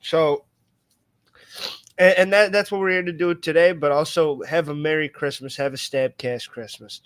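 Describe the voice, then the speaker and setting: A man's voice: fairly high pitch, fairly even intonation, normal speed, a bit bright, smooth, no room sound. A man co-hosting a podcast in a casual, rambling chat full of fillers and restarts. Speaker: podcast co-host.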